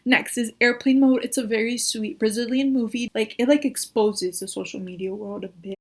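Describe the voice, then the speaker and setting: A woman's voice: on the high side, fairly even intonation, moderate pace. A young woman, a YouTuber, chatting casually about her favourite shows, gushing and saying "like" constantly. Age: young adult. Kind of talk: casual recommendation chat.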